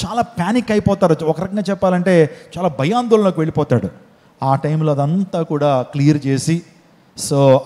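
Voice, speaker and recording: A man's voice: on the high side, mellow, long reverb tail. A male pastor preaching a sermon, pressing his listeners with rhetorical questions and acting out desperate cries for help.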